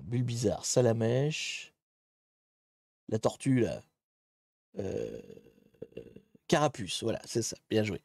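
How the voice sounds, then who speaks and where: A man hosting a live stream in casual, chatty commentary. He thinks aloud, mocks himself in a relaxed way, and greets viewers in the chat. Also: fairly low pitch, gravelly, dry recording, studio quality. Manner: laid-back and self-mocking. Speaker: livestream host.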